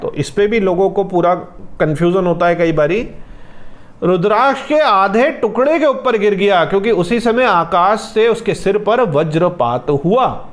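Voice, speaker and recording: A man's voice: high-pitched, animated. Hindi-speaking man teaching and chanting mantras. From India. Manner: explains patiently, chants mantras slowly as examples. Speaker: spiritual teacher. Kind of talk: religious teaching explanation.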